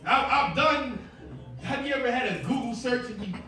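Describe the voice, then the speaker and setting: High voiced minister preaching, far off mic, big echoey church, congregation answering. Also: male voice, normal speed. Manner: preaching with rising intensity, building to shouts. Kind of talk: call-and-response sermon. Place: church sanctuary. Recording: echoey church heard from a distance with congregation responses. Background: congregation calling back responses.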